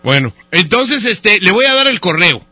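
A man's voice: high voice, big pitch swings, normal speed, loud music behind the voice. A man who hosts a radio show, making a prank phone call and playing a hesitant customer, full of fillers and teasing jokes. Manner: teasing and joking. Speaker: radio host.

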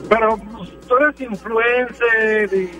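A man calls in to a radio show, speaking in a rather high voice. He chats casually and pleads his case. Faint music runs behind him. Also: steady tone, slow, bright, forceful tone. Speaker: radio caller. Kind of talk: casual phone-in chat.

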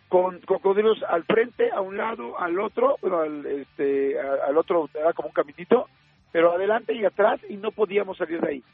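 Husky-voiced Mexican man telling a story. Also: high-pitched, dry recording. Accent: Mexican Spanish. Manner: lively storyteller acting out quoted dialogue, many fillers. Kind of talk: casual anecdote telling. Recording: narrow phone-like sound, faint music.

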